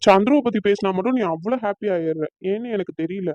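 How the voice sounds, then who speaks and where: A hurt young man in a cartoon, voiced by a performer, pouring out bitter complaints at a fast clip. The recording is dull and lo-fi, with a dry, close sound. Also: medium pitch, a little mellow, no room sound, lightly acted. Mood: resentful. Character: hurt, resentful young man about to marry.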